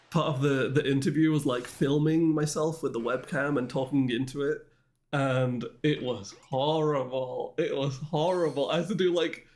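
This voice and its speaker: A man's voice: a little high, a little mellow. A male streamer in casual livestream chat with his viewers, rambling and self-deprecating as he answers the chat.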